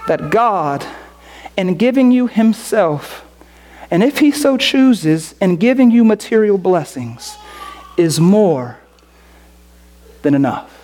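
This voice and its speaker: Woman preacher, sermon delivery, unhurried, emphatic repetition, rhetorical questions. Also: mid-range voice, dark tone. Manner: slow, emphatic, repeating phrases, rhetorical questions.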